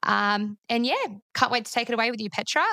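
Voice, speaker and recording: A woman's voice: a little high, flat delivery, fast talker, pushed and bright, smooth, dry recording, studio quality. A woman co-hosting a podcast, bubbly and friendly as she asks questions. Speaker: podcast co-host. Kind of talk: casual podcast chat.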